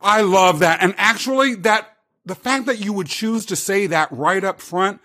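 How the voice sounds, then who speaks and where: Upbeat male podcast host, high voice, lively questions. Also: normal speed. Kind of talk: podcast interview.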